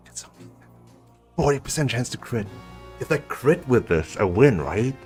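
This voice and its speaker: A man's voice: medium pitch, big pitch swings, normal speed, a little mellow. A man doing live video game commentary, casually thinking aloud as he plays. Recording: game music behind the voice. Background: video game music.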